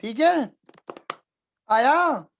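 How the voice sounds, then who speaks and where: A man's voice: extremely high pitch, lively intonation, extremely slow, vocal fry. A man teaching accounting in a casual live class, repeating points and often checking whether students follow. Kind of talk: live online class explanation.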